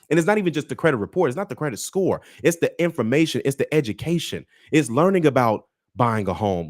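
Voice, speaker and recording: Animated motivational man with American accent. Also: fairly high pitch, dry recording, clean studio sound. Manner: emphatic, repeating key phrases for effect; direct, exhorting listeners with rhetorical questions. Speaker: personal finance coach. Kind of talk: motivational talk to online viewers.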